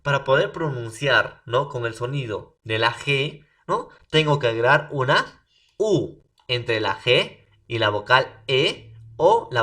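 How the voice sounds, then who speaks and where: Recorded from some distance, this male teacher has a mid-range voice and a Peruvian Spanish accent. In his animated remote spelling lesson, he repeatedly adds "profesor" and "¿no?" as tags.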